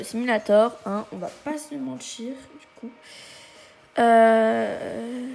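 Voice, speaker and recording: Woman gamer, unhurried, gravelly, halting casual commentary. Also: a little high, darkish tone. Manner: chatty, exclaims at discoveries; halting, many hesitations. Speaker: gaming video creator.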